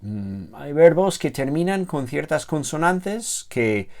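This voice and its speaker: A man teaching a grammar lecture, slow and halting, with many self-corrections and filler sounds, drawing out the word forms he spells. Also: on the high side, big pitch swings, a little mellow. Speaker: theology teacher.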